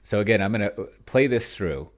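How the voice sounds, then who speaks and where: Briskly and with lively intonation, a man whose voice sits on the low side thinks aloud through a roleplaying game, playing solo as a video host. The sound of computer keyboard typing accompanies his casual commentary, in which he frequently mutters, trails off, and drags out words.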